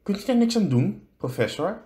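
A man voicing a stern older female professor from a storybook, in a hushed, higher voice. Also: big pitch swings, moderate pace, roomy sound. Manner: whispering, higher.

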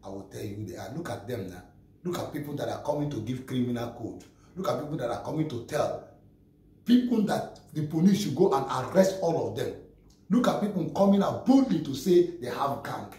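Speaking fairly quickly in a mellow, sing-song voice of medium pitch, a middle-aged vlogger with a Nigerian accent delivers an emphatic, repetitive rant straight to the camera. He gestures and often trips over repeated words, restarting lines. The camera sits a few steps off in a small plain room, so the audio is echoey and distant.

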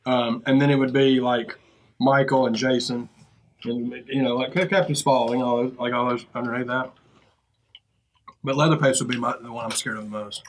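A rapper in his thirties sits at a table inside a fast-food restaurant, chatting casually as a video guest. His mid-range voice is steady and moderately paced, though he comes across as hesitant and a bit defensive.

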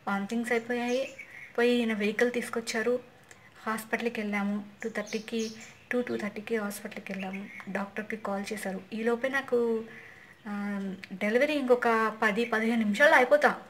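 Young female vlogger, casual storyteller, slightly high pitch, faint background hiss. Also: steady tone, brisk. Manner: chatty, repeats and restarts phrases.

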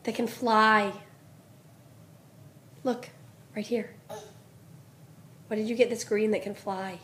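A woman's voice: medium pitch, steady tone, slow pace, fairly bright tone, a little hiss or hum. A young woman, a mother, patiently coaxing her toddler with simple questions in a home video.

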